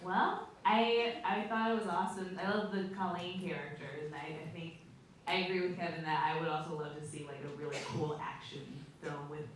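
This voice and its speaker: Low-voiced young woman in an echoey hall. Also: level tone, brisk, far from the mic, noisy background. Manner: giggly and enthusiastic. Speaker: cast member on a Q&A panel. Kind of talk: casual panel answer. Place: large festival theater.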